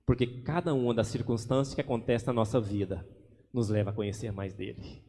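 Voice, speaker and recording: A man's voice: mid-range voice, steady tone, a little fast, warm tone. A man preaching a sermon as pastor, acting out little everyday scenes as he goes. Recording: long hall reverb.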